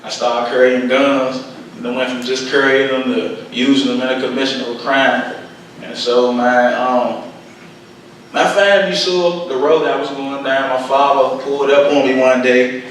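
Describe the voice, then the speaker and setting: In a steady, mid-range voice at normal speed, a Washington DC man speaks plainly and colloquially as a guest poet and speaker. He recites a poem and gives personal testimony to an audience at a conference venue. The echo there is heavy, the mic is far away, and faint noise lingers.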